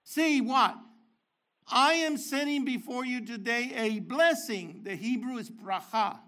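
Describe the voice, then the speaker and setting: A man's voice: very high-pitched, expressive, unhurried, bright, forceful tone. An older man teaching a sermon, explaining Hebrew words with emphatic bursts. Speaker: Messianic teacher.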